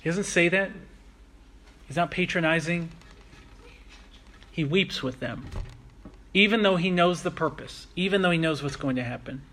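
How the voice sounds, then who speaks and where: A man preaching a sermon, earnest and reflective, slowing down to stress key phrases. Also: a little high, fairly bright tone. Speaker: pastor.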